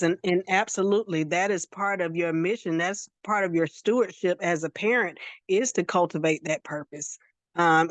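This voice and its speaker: A woman, a minister and counselor, hosts a Q&A and gives steady, encouraging advice. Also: lowish voice, dry recording. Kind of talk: counseling Q&A talk.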